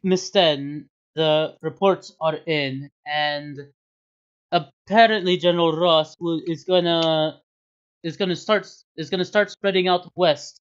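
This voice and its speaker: Young woman aide, put on by a game master; unsure, mid pitch, dull recording. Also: steady tone, slow pace, clear, resonant tone, natural voice. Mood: dutiful. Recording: dull lo-fi sound.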